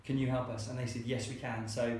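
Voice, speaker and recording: The recording, with faint hiss and heavy echo, captures a co-working space founder in an anecdotal interview. His mid-range voice is a little mellow and a little fast, with a flat delivery, yet he stays chatty and acts out the lines of the people he quotes.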